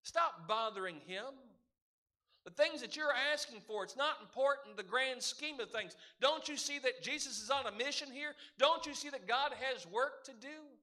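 A man's voice: very high voice, animated, moderate pace, pushed and bright, heavily acted. A man voicing impatient, dismissive church people who scold and lecture someone.

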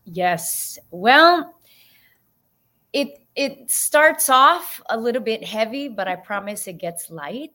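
A woman from San Francisco tells her life story as a podcast guest, taking her time over each point. Her voice is bright and sits somewhat high. She livens her stories by acting out the people in them. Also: takes it slowly. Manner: lively, animated storyteller who acts out voices. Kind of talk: storytelling interview answer.

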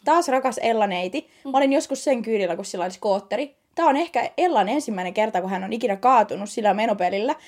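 A woman's voice: a little high, animated, few pauses, darkish tone. A young woman with a Finnish accent co-hosting a podcast, telling a story with lots of giggling. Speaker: podcast co-host. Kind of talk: casual storytelling chat.

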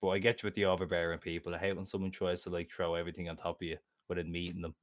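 A young Dublin man with a deep, level voice races through a casual chat as a podcast co-host, rambling, interrupting himself and dropping lots of "like"s. The recording is dry and clean, with a studio sound.

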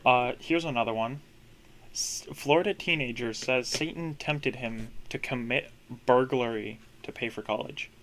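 A man's voice: mid-range voice, measured pace, fairly bright tone, a little hiss or hum. A young man co-hosting a casual podcast, reading odd news headlines aloud in an offhand, laid-back way.

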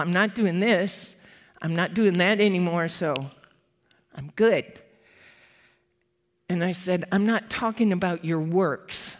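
A ministry worker giving an update, telling a personal faith story in an earnest, reflective way. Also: medium pitch.

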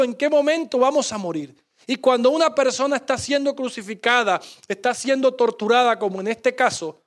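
A male pastor preaching with passion in a very high voice. He talks straight to the congregation and sinks to a soft hush for quoted words. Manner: impassioned preaching, drops to a hush when quoting Jesus. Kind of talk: sermon.

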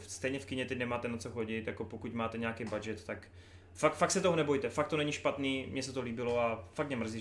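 A man co-hosting a casual podcast chat, laughing loudly and swearing casually. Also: medium pitch. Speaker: podcast co-host. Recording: roomy echo with faint noise.

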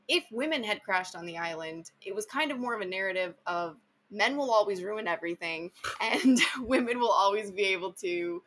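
A woman's voice: medium pitch, moderate pace, a bit bright. A woman hosting a casual book chat, enthusiastic and chatty, full of filler words. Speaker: podcast host.

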